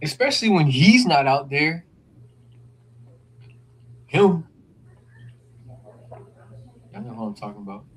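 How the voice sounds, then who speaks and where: A man's voice: a little high, sing-song, slow pace, long pauses. Male sports podcast host, casual and slangy, joking banter, faint noise underneath.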